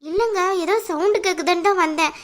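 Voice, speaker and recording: A woman's voice: very high-pitched, a little fast. A woman voicing an anxious young wife in a cartoon, speaking in a plaintive, complaining way. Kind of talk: cartoon voice acting.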